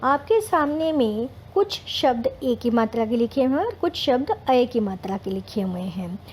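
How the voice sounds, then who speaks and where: Very animated, with a fairly high, slightly mellow voice at a moderate pace, a woman gives children a slow, careful Hindi lesson on vowel signs. She sounds out syllables patiently, explains words and blends in English terms, with slight noise in the background.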